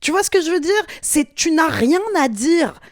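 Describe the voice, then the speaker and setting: A woman's voice: high voice, expressive, moderate pace, no room sound, studio quality. A young woman hosting a podcast, telling a story in a casual, slangy way with lots of fillers and restarts. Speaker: podcast host.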